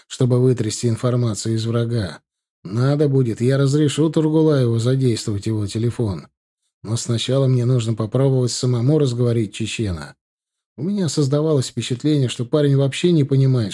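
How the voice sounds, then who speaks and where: Dark, husky man narrating an audiobook. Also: medium pitch. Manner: steady, measured, stern. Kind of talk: first-person audiobook narration.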